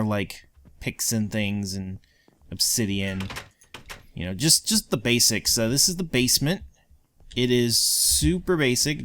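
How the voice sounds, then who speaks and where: This let's play co-host has a fairly low, fairly bright voice, with slight background noise behind him. His gameplay commentary is casual, wandering through a game world with plenty of ums and likes.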